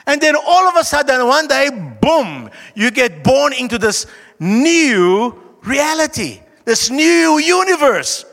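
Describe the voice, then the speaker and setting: A man with a broad South African accent preaching a conversational sermon, emphatic, with dramatic pauses and slowed, stressed phrases. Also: extremely high pitch, very animated, vocal fry, fairly bright tone. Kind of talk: sermon, conversational Bible teaching. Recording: echoey hall with long reverb.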